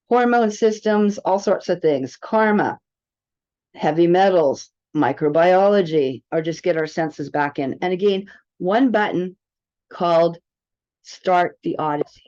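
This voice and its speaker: On a dull, lo-fi recording, a woman with a low, darkish voice walks through a wellness app. Her tutorial is casual and chatty, with some rambling.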